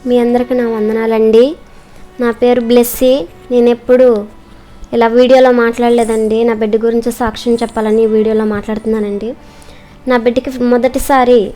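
Young mom sharing her church testimony, earnest and quick, voice a bit high. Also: warm tone. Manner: earnest, polite, quick storytelling. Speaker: mother giving testimony. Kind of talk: personal religious testimony.

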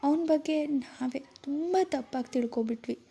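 A woman's voice: sits high, moderate pace, gravelly, warm tone, voice pushed up. A woman voicing a hurt, tearful young woman speaking in an upset, pleading way.

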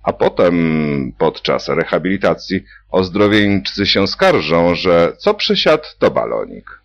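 A man's voice: rumbling low, huge pitch swings, a little slow, gravelly, fairly bright tone, heavily acted. A man voicing a breezy, joking male surgeon. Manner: jokey, breezy. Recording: dull lo-fi recording.

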